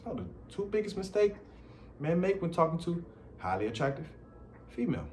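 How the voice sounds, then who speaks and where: A man's voice: on the high side, big pitch swings, a little fast, darkish tone, slight background noise. A man, giving blunt dating advice in a casual monologue full of slang and repetition. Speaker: dating commentator.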